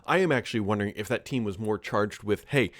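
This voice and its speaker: A man's voice: fairly low pitch, quick pace, no room sound, studio quality. A man giving casual solo video commentary, thinking aloud with frequent asides and self-corrections. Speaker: tech commentator.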